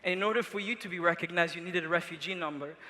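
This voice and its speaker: A man's voice: high voice, rapid-fire, bright, forceful tone, slight background noise. A young man from Congo giving an earnest motivational speech to a large live audience. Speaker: event speaker. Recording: reverberant large arena.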